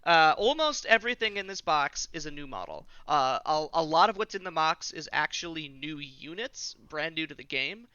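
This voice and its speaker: Bright, crisp-voiced man chatting casually. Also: fairly high pitch, lively intonation, moderate pace, hardly any pauses, no echo, lo-fi sound. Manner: enthusiastic, lots of "uh" fillers. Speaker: podcast host. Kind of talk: casual chat.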